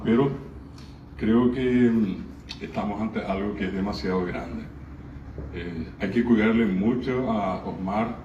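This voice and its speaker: A middle-aged man gives an informal public speech at a cultural event, greeting people and often hesitating. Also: lowish voice. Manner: warm greetings with frequent hesitations. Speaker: guest speaker at a cultural event. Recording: echoey room, distant mic, dull and noisy.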